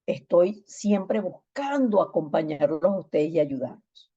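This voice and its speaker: A woman's voice: fairly low pitch, expressive, a little slow, dark tone, breathy edge, lo-fi sound. A woman pastor preaching a sermon, emphatic and repeating phrases for stress.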